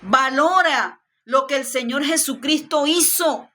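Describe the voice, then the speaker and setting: A woman's voice: sits high, slow pace, bright, forceful tone. A woman teaching a Bible study lesson, speaking emphatically and often repeating her phrases.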